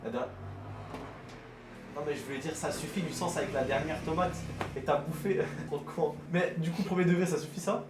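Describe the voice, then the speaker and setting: A man's voice: fairly high pitch, fairly even intonation, fairly quick, recorded from a distance, noisy background. Joking young male streamer in an echoey kitchen. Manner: joking, teasing, addresses chat as "les gars". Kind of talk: casual livestream cooking chat. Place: home kitchen.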